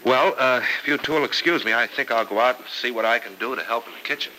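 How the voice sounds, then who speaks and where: A man's voice: medium pitch, fast talker, bright, forceful tone, slight background noise, close to an everyday voice, poor audio. An actor playing a helpful, good-humored young man who talks casually and hesitantly, with many fillers, in 1940s radio acting style. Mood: easygoing.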